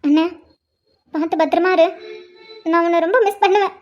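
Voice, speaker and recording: A woman's voice: very high voice, steady tone, moderate pace, darkish tone, dull audio, soft background music. A woman voicing a tearful young bride who pleads and says a tender goodbye to her brother in a cartoon. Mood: pleading. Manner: pleading, affectionate. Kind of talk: Tamil cartoon voice acting.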